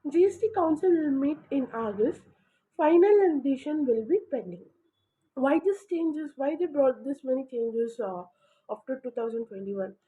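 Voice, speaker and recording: A woman's high voice in Kannada-accented English, presenting an informal explainer. She talks in emphatic, halting phrases, and the sound is thin and narrow, like a phone line. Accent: Kannada-accented Indian English. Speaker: host of an explainer channel. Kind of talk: informal explainer addressed to viewers.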